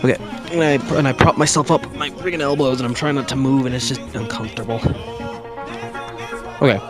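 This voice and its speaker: A man's voice: medium pitch, fairly even intonation, fast, over music. A man giving a casual video game review, recorded under a blanket with pillows behind him, rambling and correcting himself with jokey asides. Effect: muffled, recorded under a blanket.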